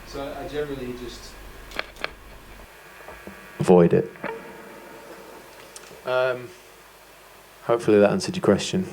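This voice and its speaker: A man with a mid-range, slightly mellow voice gives a guitar masterclass. He talks casually and rambles a bit, throwing in self-deprecating jokes as he explains things in a relaxed, chatty way.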